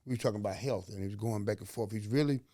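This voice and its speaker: A man from Alabama with a Southern accent hosts a motivational podcast in a folksy, preachy style, packed with slang and rhetorical questions. His voice is on the low side, mellow and rapid-fire, in a dry, studio-quality recording.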